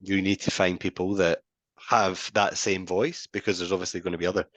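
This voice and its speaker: A man with a very low, deep voice tells stories in a loose, animated podcast chat. He slips into other people's voices to act out phone calls. The sound is close and dry, with no room around him. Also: brisk, dry recording. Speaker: podcast co-host. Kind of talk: casual podcast conversation.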